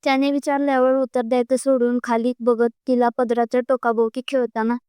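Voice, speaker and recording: Clear-voiced woman storyteller. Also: on the high side, little pitch movement, brisk, dark tone, no room sound, studio quality. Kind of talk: storybook narration.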